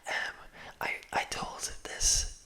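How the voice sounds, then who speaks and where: A young adult ASMR creator whispers slowly into a close-up mic, near enough to pop, with a sharp tone. She rambles loosely, leaning heavily on "like" and "um," and often loses the thread of her words.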